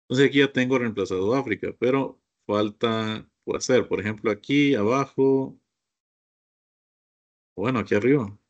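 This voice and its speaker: A man's voice: mid-range voice, moderate pace, highs cut off. A man teaching a computer course, walking his class through each step and often asking them to look. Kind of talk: screen-share software lesson.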